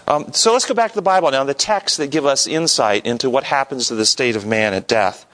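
A man's voice: medium pitch, fairly bright tone. A man leading an interactive Bible lesson, talking conversationally and putting questions to his audience. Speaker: Bible study teacher.

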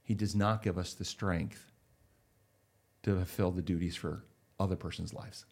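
A man speaking as a counselor, explaining ideas in a measured, earnest way and telling illustrative stories. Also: low-pitched, fairly even intonation, gravelly, darkish tone, husky. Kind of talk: conversational explanation.

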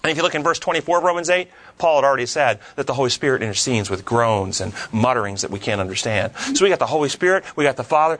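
A man's voice: a little high, fairly bright tone. A man leading a Bible study discussion, quoting scripture earnestly and driving points home with rising, emphatic questions.

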